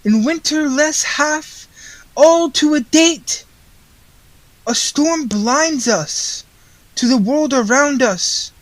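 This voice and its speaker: A performer playing a merry, stately Santa Claus in a mock-Shakespearean radio play, declaiming slowly and theatrically. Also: high-pitched, no echo, poor audio. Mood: solemn, urging. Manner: slow, declamatory, theatrical delivery.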